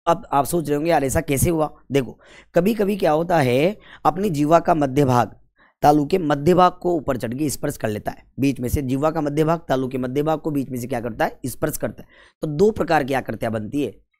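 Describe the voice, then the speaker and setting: A male Hindi grammar teacher giving an exam-prep lesson, who keeps asking questions and answering them himself and sounds out vowels slowly to show them. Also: a little high, darkish tone. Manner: quizzes listeners and answers his own questions.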